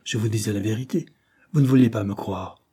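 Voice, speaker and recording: A man reading a story, voicing a bewildered, indignant young gentleman in a low, husky voice. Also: fairly quick. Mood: agitated. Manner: protesting, agitated.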